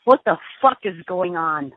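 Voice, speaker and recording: A woman's voice: lowish voice, lively intonation, moderate pace, slightly rough, no room sound. A woman taking a call on a prison phone line, talking bluntly and angrily and swearing often. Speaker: inmate's sister on a call.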